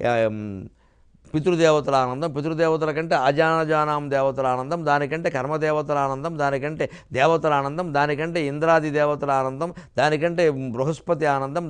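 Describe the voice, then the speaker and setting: Older man, spiritual lecturer, smooth resonant voice, chanted verses, emphatic rises. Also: fairly high pitch. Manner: recites verses in slow drawn-out chant. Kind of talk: televised discourse.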